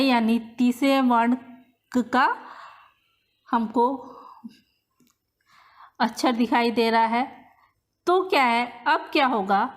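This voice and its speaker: Slow, high-voiced woman teaching grammar. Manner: slow, repetitive step-by-step explaining. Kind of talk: whiteboard-style grammar lesson.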